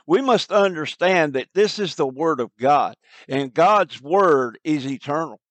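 A man preaching a sermon to listeners, slow and emphatic, repeating key phrases. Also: on the high side, lively intonation, fairly bright tone, no room sound.

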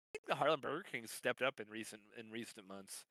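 A man's voice: medium pitch, expressive, fast talker, bright, forceful tone, no echo, rough recording. A man on a podcast panel chatting casually and giving blunt opinions. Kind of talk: casual chat.

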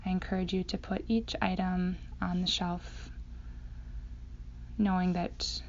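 Slow, hypnotic woman guiding meditation, creaky voice. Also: fairly low pitch, level tone. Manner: slow hypnotic, soothing delivery with long pauses. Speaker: meditation guide. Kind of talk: guided meditation. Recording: dull sound, faint background noise.

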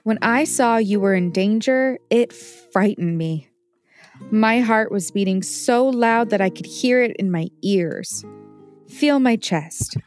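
Woman doing a soft reassuring mom talking to her kid, kids show. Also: medium pitch, slow, faint music behind, natural voice. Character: caring mother, warm and reassuring. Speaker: mother.

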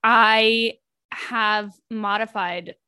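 A woman's voice: on the high side, fairly even intonation, extremely slow, pushed and bright, smooth, dry recording, clean studio sound. A young woman in her twenties on a podcast panel, talking candidly and reflectively, with many likes. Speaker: podcast panelist, grad student. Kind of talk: casual podcast chat.

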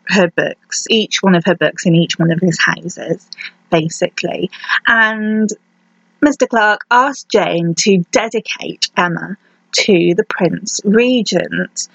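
A woman's voice: mid-range voice, a bit bright, dry recording. A woman hosting a podcast, telling history in a casual, chatty way with wry asides. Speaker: podcast host. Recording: dull, dry lo-fi sound.

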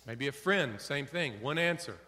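A middle-aged male pastor preaching a sermon, animated, acting out little dialogues for his congregation. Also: medium pitch, moderate pace. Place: church sanctuary. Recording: long hall reverb.

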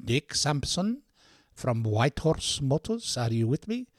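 A man's voice: medium pitch, very animated, measured pace, dry recording, clean studio sound. A man voicing a bumbling older car dealer who muddles his words while phoning in ads. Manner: muddles words, repeats "are you with me".

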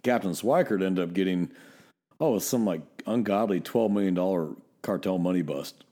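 A man's voice: low-pitched, moderate pace, warm tone. A middle-aged man from Northern California, a police officer co-hosting a podcast, telling blunt, profane stories in casual chat.

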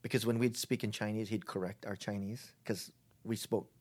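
A middle-aged man talking reflectively as an interview guest, halting often and restarting his sentences. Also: lowish voice, steady tone, a little mellow. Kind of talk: casual conversation.

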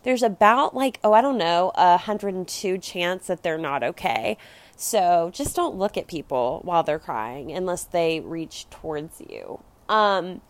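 A woman's voice: on the low side, no room sound. A young American woman with a Valley Girl accent and lilting uptalk, telling personal stories in a casual, confessional way, peppered with filler words. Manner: conversational, peppered with "like" and "you know". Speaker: podcast host.

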